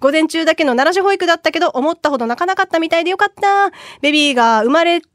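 High-pitched, lively woman radio host. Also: rapid-fire, dry recording, clean studio sound. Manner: laughs often and loudly. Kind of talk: casual radio chat. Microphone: studio microphone.

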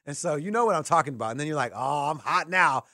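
A man with a fairly high voice talks fast as he hosts sports radio, keeping things casual and acting out the dialogue in his animated stories. It's a radio studio setting with clean, echo-free sound.

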